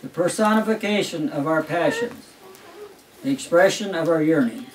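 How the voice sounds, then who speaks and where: A grandfather reads a Christmas story at a family home, sounding wry and amused. His voice is on the high side and animated, moving at a normal pace, and the home recording feels roomy and distant.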